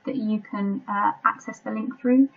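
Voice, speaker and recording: A woman with an English accent, a French teacher narrating a recorded remote lesson and reading dictation slowly and deliberately. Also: medium pitch, steady tone, lo-fi sound. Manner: slow, deliberate dictation with clear repetition.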